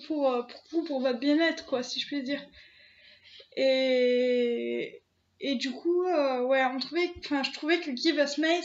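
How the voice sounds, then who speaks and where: A young woman with a high voice talks casually to camera on her own channel, sounding emotional and near tears. She hesitates, using many fillers and restarting sentences. The audio is dull.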